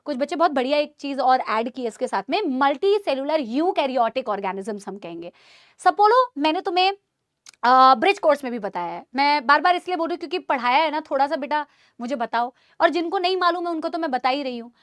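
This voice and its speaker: A woman teaching biology in a live online class, animated, quizzing students and calling them beta and bhaiya. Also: sits high, fast talker, dry recording, clean studio sound. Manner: asks the class many questions. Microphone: studio mic.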